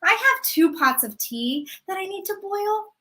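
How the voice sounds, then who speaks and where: Woman acting a sprightly, high-voiced trickster tale grandmother. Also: big pitch swings, a little slow, sharp tone, exaggerated voice. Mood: coy stalling. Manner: trickster tale voice, coaxing exclamations and stalling repetitions. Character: sprightly, wily grandmother stalling Death, trickster tale character.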